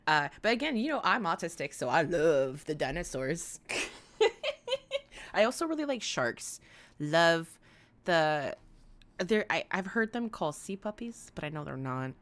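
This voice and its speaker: A woman with a speech impediment that turns her R's toward W, chatting casually and excitably to viewers as a livestream host, in a rambling, giggly way. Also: fairly low pitch, a little slow, long pauses. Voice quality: speech impediment, weak R sounds like W. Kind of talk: casual live chat with viewers.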